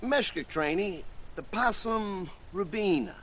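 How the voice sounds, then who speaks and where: A man's voice: sits high, expressive, a bit bright, a little hiss or hum. A man on a live game stream, reading out strings of made-up silly names in a playful, giggly way. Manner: playful, giggly, drawn-out nonsense words.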